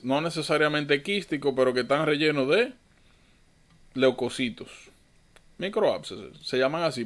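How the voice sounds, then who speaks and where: A man's voice: a little high, fairly bright tone. A man tutoring medical students in an online lecture, informal and thinking aloud, often correcting himself.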